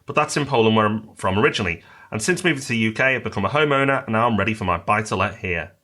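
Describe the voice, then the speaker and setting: A British podcast co-host with a lowish voice races through upbeat, casual chat, his intonation lively and his tone bright and forceful. Sounding promotional, he reads listener mail aloud, including a listener review.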